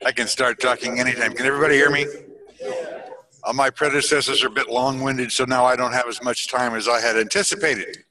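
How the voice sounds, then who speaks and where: Male panel speaker, bright edgy tone, heard from off the mic, loud and joking. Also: medium pitch, level tone, a little fast. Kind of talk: conference breakout talk. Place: conference breakout room. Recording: voice from far off the mic.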